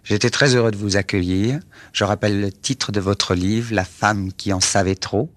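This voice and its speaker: Deep-voiced man hosting a radio show. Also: steady tone, normal speed, no echo. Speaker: radio host.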